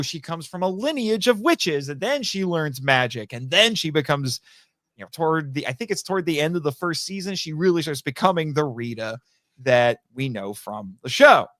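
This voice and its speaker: Speaking with a fairly bright voice a touch above average in pitch, this male voice actor appears as a podcast guest. He's casual and enthusiastic, chatty and explanatory, frequently going back to fix what he said, in a dry recording with almost no room echo.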